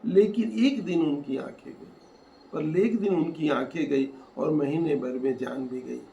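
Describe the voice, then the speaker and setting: A man reciting his own poem, repeating each line and growing loud and emotional. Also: on the high side, unhurried, vocal fry, dull audio. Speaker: poet. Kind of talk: poetry recitation. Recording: echoey room, faint ambience.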